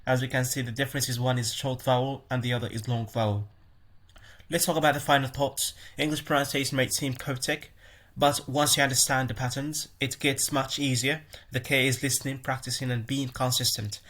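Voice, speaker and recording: Guy teaching pronunciation on his podcast, mid pitch, keeps stopping to fix what he said. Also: level tone, fairly quick, fairly bright tone. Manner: explanatory, often restarts and corrects himself. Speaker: podcast host. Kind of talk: pronunciation lesson.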